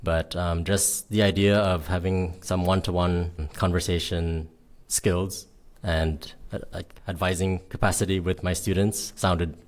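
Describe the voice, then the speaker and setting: A man from Miami with a low, deep voice, talking as a guest about his teaching work. He answers in a relaxed, easygoing way, often pausing on um as he gathers his thoughts. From Miami, Florida. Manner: relaxed, hesitant with ums. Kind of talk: casual interview answers.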